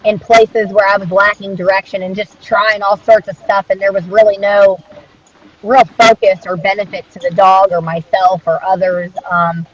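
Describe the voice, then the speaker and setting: A woman's voice: medium pitch, level tone, normal speed, husky. A woman speaking as an interviewed dog trainer in a casual conversational style, earnest and reflective in an informal way. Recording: dull, muffled lo-fi audio.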